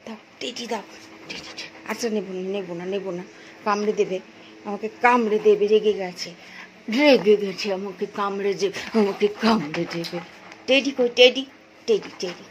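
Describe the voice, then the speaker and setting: A woman's voice: mid-range voice, moderate pace, a little hiss or hum, rough recording. A woman with a Bengali accent chatting to her pet dogs and her viewers in a coaxing, sing-song voice. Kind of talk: casual chat to pets and viewers.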